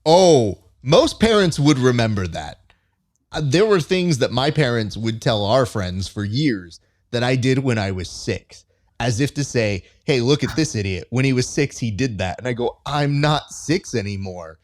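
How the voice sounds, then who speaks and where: A man's voice: medium pitch, animated, a little slow. A man hosting an interview, asking questions in a chatty, joking way. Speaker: podcast host, interviewer. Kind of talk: conversational interview.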